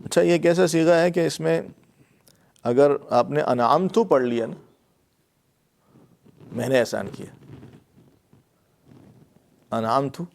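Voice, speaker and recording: A man's voice: on the high side, creaky, long pauses, a little mellow. A man teaching Arabic grammar of the Quran in a classroom lecture, with a Pakistani Urdu accent, explaining patiently and repeating key words with fillers.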